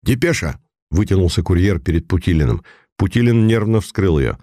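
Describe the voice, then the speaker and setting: A man reading a period detective story aloud as an audiobook narrator, in an even, measured storytelling manner. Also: low voice, dry recording, clean studio sound.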